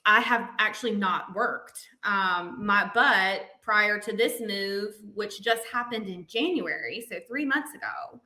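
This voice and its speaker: A woman in her thirties from Alabama with a Southern accent, telling stories as a podcast guest in an animated way, laughing often. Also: mid-range voice, a little slow, few pauses, echoey room, low-quality recording. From Montgomery, Alabama. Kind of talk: casual interview chat.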